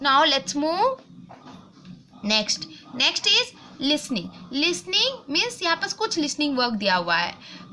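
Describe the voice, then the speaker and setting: A woman's voice: high voice, pushed and bright, a little hiss or hum. A woman teacher explaining English words and their meanings, mixing in Hindi and checking in with her students. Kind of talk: online class lesson.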